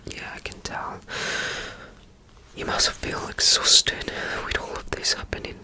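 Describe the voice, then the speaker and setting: Playing a caretaker, an ASMR roleplayer whispers tenderly and without hurry, reading a bedtime story and repeating soothing phrases.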